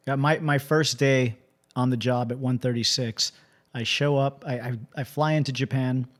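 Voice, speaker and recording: A man hosting a casual interview, telling animated stories and often restarting his sentences. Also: medium pitch, normal speed. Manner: animated storyteller, frequent restarts.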